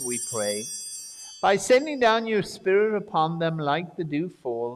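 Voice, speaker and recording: A priest leading the prayers of Mass, intoning slowly and steadily as a cathedral echo trails after his words. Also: fairly high pitch, clear, resonant tone. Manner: slow, measured intoning. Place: large church. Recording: long church reverb.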